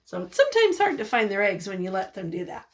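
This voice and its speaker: Reading a picture book to children like a teacher, this woman sounds expressive and encouraging and pauses to pose questions to them. Her pitch is medium, and there's a slight hum of background noise.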